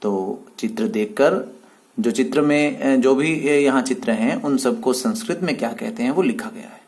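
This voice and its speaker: A man teaching a Sanskrit lesson to children, patiently speaking words for them to repeat. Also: mid-range voice. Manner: slow, drawn-out syllables when modelling words; patient, addresses children warmly. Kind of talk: children's language lesson with repeat-after-me drills.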